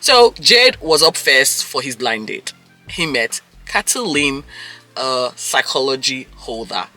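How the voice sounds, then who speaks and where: A man giving a casual, gossipy recap of a reality dating show, animated and quick to act out people's reactions. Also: medium pitch, soft background music. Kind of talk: casual episode recap commentary.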